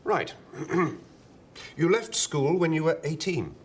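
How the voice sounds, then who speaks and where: A man's voice: on the high side, big pitch swings, takes it slowly, breathy edge, full character voice. An actor playing a male job interviewer, questioning an applicant with mild disbelief in a scripted comic dialogue. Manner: questioning, mildly incredulous.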